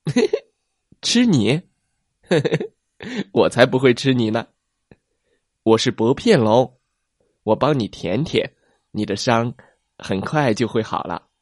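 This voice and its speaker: A man voicing a gentle, kind male sea reptile who speaks eagerly and warmly. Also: mid-range voice, big pitch swings, takes it slowly, long pauses, dry recording, clean studio sound. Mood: friendly.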